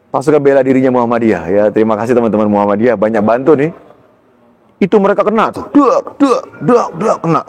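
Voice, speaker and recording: A man recounting his life story in casual talk, animated and rising high when tense. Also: big-room sound. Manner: animated storytelling, pitch jumps high in tense moments, laughs between lines. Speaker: guest telling his story. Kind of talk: personal testimony in casual talk.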